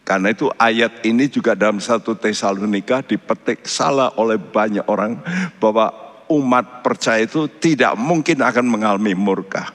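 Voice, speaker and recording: A man preaching a sermon as pastor, emphatic, his pitch jumping up on key words. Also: moderate pace, fairly bright tone. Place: church. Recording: reverberant church hall.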